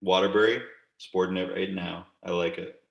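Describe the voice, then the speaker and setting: A man's voice: deep voice, little pitch movement, normal speed, vocal fry, reverberant, low-quality recording. A man co-hosting a casual podcast chat, rambling and joking, with casual swearing. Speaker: podcast co-host. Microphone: desk camera.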